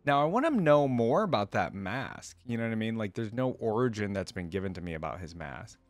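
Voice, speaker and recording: A man hosts a casual reaction show, reading wiki pages aloud, thinking out loud, and putting questions to viewers as he goes. His low-ish voice is sing-song and a little fast, with no room sound at all.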